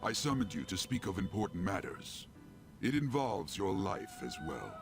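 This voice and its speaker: A deep, gravelly old man, the sinister master of a dream realm in a video game. He speaks slowly and formally through clenched teeth, his tone swooping theatrically over music. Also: very animated. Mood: ominous welcome. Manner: slow, formal, ominous. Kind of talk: scripted video game acting. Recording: game audio with music underneath.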